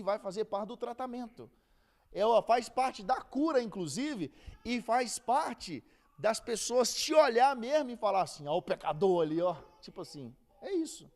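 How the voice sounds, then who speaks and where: A man with a Brazilian Portuguese accent teaching a Bible lesson in a casual, storytelling way, acting out the people he quotes. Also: very high voice.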